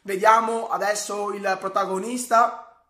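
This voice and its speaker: A man in his twenties from Italy giving excited, breathless live football goal commentary, repeating key phrases. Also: high voice, unhurried. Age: 20s. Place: small room at home, indoors. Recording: roomy home-recorded sound.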